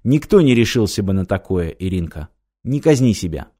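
A man reading the lines of a patient, doubtful detective in an audiobook, quiet and measured. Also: low-pitched, big pitch swings.

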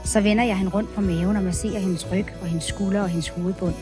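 A woman's voice: mid-range voice, steady tone. Upbeat woman podcast co-host. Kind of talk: reading an erotic story aloud, then casual chat. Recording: background music bed.

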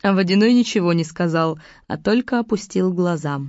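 A woman narrating a fairy tale in a lively storytelling manner. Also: fairly low pitch, fairly quick, no room sound. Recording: dull lo-fi recording.

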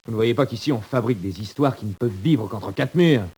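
An actor playing a proud, despairing condemned prisoner in a 1940s radio drama, speaking theatrically. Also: male voice, mid-range voice, fairly quick, darkish tone, breathy edge. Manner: theatrical, swinging from bitter murmurs to cries.

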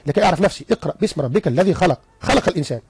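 A man with an Egyptian accent, a guest psychologist on a radio interview, explaining in an animated way with stories and rhetorical questions. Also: sits high, racing, slightly rough.

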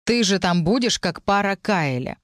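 A woman voicing a brooding young male necromancer student in an audiobook, with a hoarse, low-pitched voice. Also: lively intonation, normal speed, no room sound, studio quality, close to an everyday voice. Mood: tense. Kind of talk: audiobook character reading.

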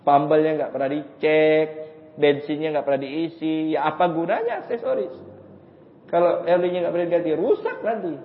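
A man preaching a sermon in a mosque, swinging between loud questions and low asides. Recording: muffled, with long hall reverb.

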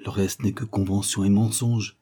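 A man reading the part of an elderly man, a gentle and anxious father, in an earnest, pleading way. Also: fairly low pitch, level tone, moderate pace, vocal fry, breathy edge. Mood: earnest, impassioned.

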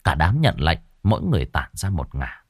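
Male audiobook narrator, low and animated, dry read. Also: fairly quick, breathy edge, dry recording. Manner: expressive storytelling. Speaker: storyteller.

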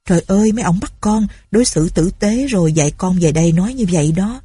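A woman's voice: mid-range voice, quick pace, husky. Woman doing a frightened young servant girl. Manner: hushed, pleading.

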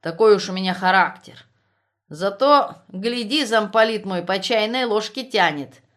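A woman voicing a drunk, boastful male army officer who talks loudly and blusters. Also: medium pitch, unhurried, voice pushed up, natural voice. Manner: loud, blustering, slurred bragging.

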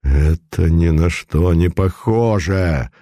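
A man's voice: low voice, takes it slowly, mellow, no echo, clean studio sound, pitched below the performer's own voice. A man voicing a domineering male occult charlatan who speaks in a commanding, mocking tone in a storybook reading. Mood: thundering. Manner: commanding, mocking, at times thundering.

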